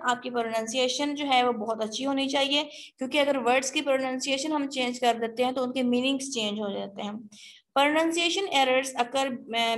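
Lady teacher doing a recorded lecture, kinda high voice, reads points slow then explains fast. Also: fairly bright tone. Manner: reads English points slowly, then explains them in quicker conversational speech.

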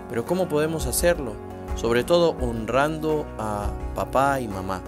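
A man presenting a reflective religious message, earnestly addressing his listeners as brothers. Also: medium pitch. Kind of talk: spoken reflection over music. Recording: music bed under the voice.

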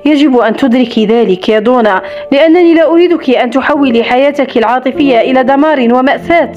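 A woman's voice: high-pitched, fast talker, lightly acted. A woman voicing a blunt, protective grown man in an audiobook romance, reading his lines expressively. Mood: scornful. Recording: slightly dull recording with soft music.

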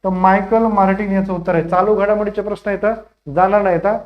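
High-voiced man teaching an exam class. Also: flat delivery. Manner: rapid, coaxing, keeps urging students to answer fast; calls students "children" affectionately. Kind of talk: live online exam-prep class. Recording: dull lo-fi stream audio.

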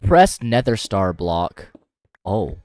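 A man's voice: on the low side, big pitch swings, slow pace, a little mellow. A man chatting casually while playing a game with friends, often reading item names aloud in a playful way. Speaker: gamer. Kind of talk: casual gaming chat.

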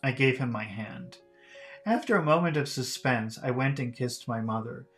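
A man's voice: medium pitch, moderate pace, a bit bright. Man reading a novel aloud. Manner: careful reading with slips and self-corrections. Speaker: audiobook reader for learners. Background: faint music.

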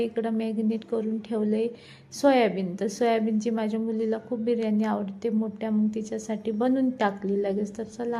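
A woman's voice: a little high, vocal fry, a little mellow. A woman, chatting casually through a home cooking vlog in her kitchen and showing viewers each step. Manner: chatty, shows things to viewers as she cooks. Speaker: vlogger.

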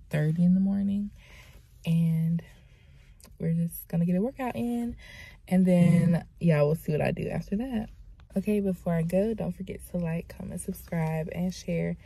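A young woman chatting casually through a day-in-the-life vlog, relaxed and full of fillers. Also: lowish voice, vocal fry, breathy edge. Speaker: vlogger.

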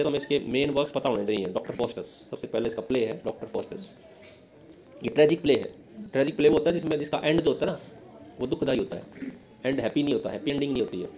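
A man with an Indian accent giving an exam-prep lesson, asking questions and answering them himself, reading English lines slowly. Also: mid-range voice, darkish tone, poor audio. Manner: explains in Hindi, reads English lines slowly. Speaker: teacher.

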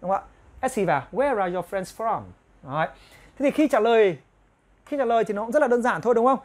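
A woman teaching an online grammar lesson, explaining step by step and repeating example phrases slowly. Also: fairly high pitch, expressive, darkish tone. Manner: explains step by step, often asking the viewers "right?". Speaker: English teacher.

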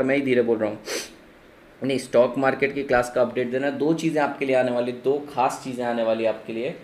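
A man's voice: mid-range voice, a little mellow. A man with an Indian accent, an online commerce tutor, chatting casually with students on a live class, reading out their names and comments in a teasing way. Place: home room, raining outside. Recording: roomy live-stream audio with faint ambience.

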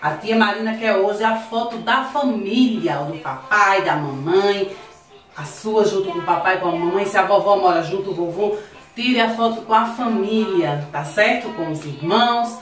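A Brazilian kindergarten teacher talks to small children in a patient, sing-song way and sounds words out slowly. Her voice sits at a middle pitch. The room is echoey, with faint music underneath. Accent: Brazilian Portuguese. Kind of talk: slow, clear online lesson for young children.

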